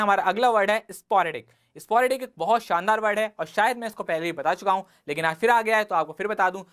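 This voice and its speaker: A man's voice: sits high, fairly bright tone, clean tone. A male teacher with an Indian English accent runs an online exam-prep vocabulary lesson. He keeps asking the class rhetorical questions and ties each word to everyday life. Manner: explains words with everyday examples and rhetorical questions.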